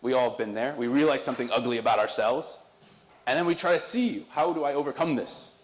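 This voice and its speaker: A man's voice: mid-range voice, fast. A man leading a church service in an easy, conversational way, teasing the people in front of him. His voice sits in a middle register. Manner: conversational, joking with the congregation. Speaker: pastor. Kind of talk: sermon and introductions.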